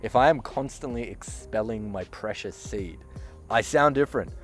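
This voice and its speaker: A man who works as a communication coach, giving an emphatic motivational monologue to camera, with sentences that end flat and firm, and his loudness swinging between punchy and hushed. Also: lowish voice, moderate pace, soft background music. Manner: flat, downward-ending sentence endings. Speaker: communication coach and podcast host.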